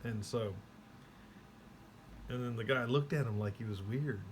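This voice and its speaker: A man's voice: mid-range voice, measured pace, a little hiss or hum. A man giving a rambling, casual spoken recap, slipping into quoted voices as he tells it. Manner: rambling, acts out quoted people. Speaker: vlogger.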